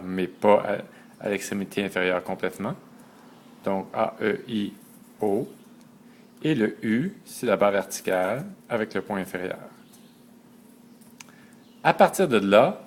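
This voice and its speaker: A man walks through a lesson letter by letter. His voice sits low, and he speaks very slowly and deliberately, pausing to spell out each step. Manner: slow and methodical, spelling out letters one by one. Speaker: teacher.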